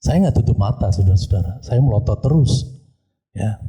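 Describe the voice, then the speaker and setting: A man's voice: lowish voice, lively intonation, moderate pace, mellow, slightly rough, poor audio. A male pastor telling a story during a church service, often turning to address the congregation. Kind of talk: sermon testimony.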